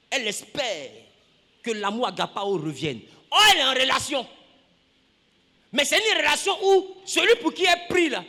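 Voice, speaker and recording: A pastor preaching a lively sermon, acting out scenes, shouting and laughing with the congregation. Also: male voice, very high-pitched, long reverb tail.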